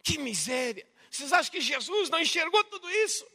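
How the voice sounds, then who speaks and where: A pastor preaching in Brazilian Portuguese gives a dramatic sermon in a strikingly high, bright voice, moving briskly with big swings in pitch. He alternates between forceful outbursts and hushed, intimate passages, and his voice rings through a church hall with long reverb.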